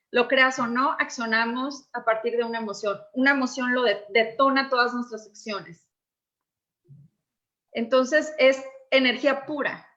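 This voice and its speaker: A woman coach explaining emotions in an expressive, conversational way, acting out little dialogues. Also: sits high, lo-fi sound.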